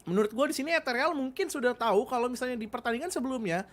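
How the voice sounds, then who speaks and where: Slightly high-voiced Indonesian woman analysing a game. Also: lively intonation, rapid-fire. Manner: slangy, mixes English gaming terms into explanations. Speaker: esports analyst caster. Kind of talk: casual analytical game commentary.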